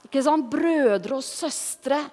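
A woman giving a lively, conversational Bible teaching, often putting questions to her listeners. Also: sits high, big-room sound.

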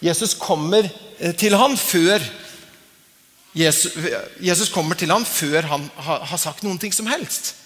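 High-voiced man preaching in a hall. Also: a bit bright. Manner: conversational, chuckling, many fillers. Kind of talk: sermon. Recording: long hall reverb.

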